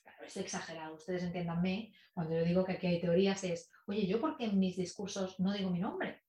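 A woman guest talking about public speaking in a chatty, expressive and playful way, in a casual in-person interview. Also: fairly low pitch, fairly quick. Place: in person in a room with the host. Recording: echoey room.

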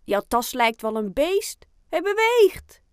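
A woman voicing an excited small boy with glasses in a children's audiobook, calling out eagerly. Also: high voice, slow, dry recording, clean studio sound, voice pushed up, heavily acted. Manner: calls out eagerly.

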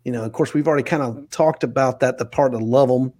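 Earnest man hosting, mellow tone. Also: medium pitch, quick pace. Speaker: interview host. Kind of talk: podcast interview.

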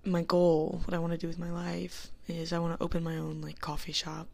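A woman's voice: on the low side, monotone, brisk, vocal fry, a little mellow. Young woman half-whispering a chatty podcast. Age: young adult. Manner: rambling, giggly, lots of fillers, half-whispered. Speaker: podcast host. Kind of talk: casual solo chat. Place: dorm room. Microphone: small handheld mic.

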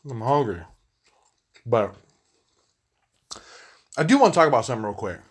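A man's voice: mid-range voice, sing-song, moderate pace, breathy edge. A young man hosting his own podcast, ranting casually with constant swearing and filler words while he eats. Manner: profane, rambling, heavy fillers, eating on mic. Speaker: podcast host. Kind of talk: casual solo podcast rant.

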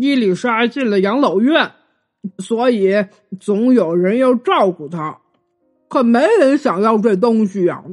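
A woman's voice: fairly high pitch, darkish tone. A woman voicing a grumpy uncle who speaks in a dismissive, grumbling way. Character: grumpy uncle, mouth full of cake.

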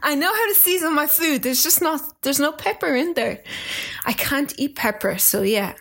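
A woman's voice: sits high, animated, normal speed, gravelly, fairly bright tone. A woman in her twenties with an Irish accent, a podcast guest chatting casually, laughing often and acting out the people she quotes. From Democratic Republic of Congo, raised in Ireland. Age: 20s. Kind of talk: casual interview chat.

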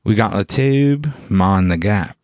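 A man doing a low-voiced, cheery London bloke. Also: animated, slow, a little mellow. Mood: blithely insistent. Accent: British, London. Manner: repetitive slangy verbal tics, blithely confident. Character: cheery, obtuse British man insisting he's Californian. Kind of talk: improvised comedy character interview.

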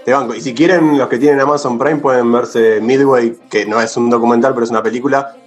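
A man's voice: mid-range voice, steady tone, quick pace, faint music behind. A man with an Argentine accent on a casual panel, describing a documentary series at some length. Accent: Argentine Spanish. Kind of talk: casual group chat.

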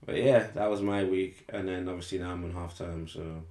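A man's voice: low voice, flat delivery, fairly quick, a little mellow, echoey room. A young man, chatting casually as a podcast co-host, rambling and correcting himself, laughing easily. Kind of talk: casual chat.

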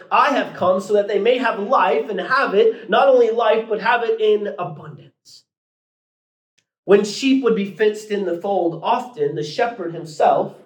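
High-voiced preaching man, echoey church. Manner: preaching with rising emphasis and colloquial asides. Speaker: pastor. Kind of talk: sermon. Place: church sanctuary.

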